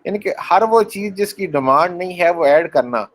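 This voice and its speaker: A man lecturing a class with a fairly high voice. He acts out small scenes to explain a point, puts questions to his students and slips English phrases into his speech. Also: lively intonation, moderate pace, a little hiss or hum, low-quality recording. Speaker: university lecturer.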